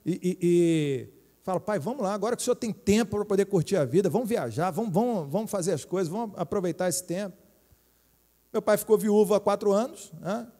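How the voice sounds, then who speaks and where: A middle-aged pastor with a Brazilian accent preaches in a relaxed, joking way, often checking in with the congregation. His voice sits high but sounds mellow. The church hall adds a long reverb. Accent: Brazilian Portuguese. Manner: joking, chatty preaching with many tag questions. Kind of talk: sermon.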